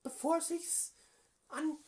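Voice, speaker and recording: A man's voice: very high voice, fairly even intonation, slow pace, darkish tone, voice pushed up. A man voicing a pushy, mock-official woman party envoy on a prank phone call, insistent and evasive. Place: small room at home, indoors.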